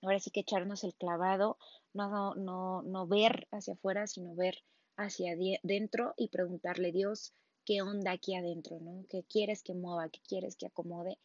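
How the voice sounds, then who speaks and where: A woman's voice: mid-range voice, little pitch movement, normal speed, darkish tone, no echo, lo-fi sound. A woman gives a casual sermon, talking conversationally and often checking in with the listener. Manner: conversational, frequent tag questions and restarts. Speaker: preacher.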